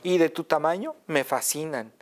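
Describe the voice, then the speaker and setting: A tiny, clever mouse from a storybook, as a man puts him on, boastful and sly, with a raised, squeaky voice. He talks quickly and cockily. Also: natural voice. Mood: smug.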